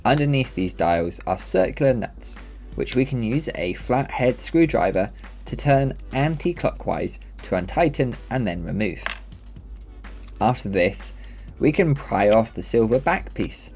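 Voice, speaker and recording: Over background music, a maker-channel presenter walks through a scripted tutorial in careful, methodical steps. He has a medium-pitched, darkish voice, speaking a little slowly but with animation.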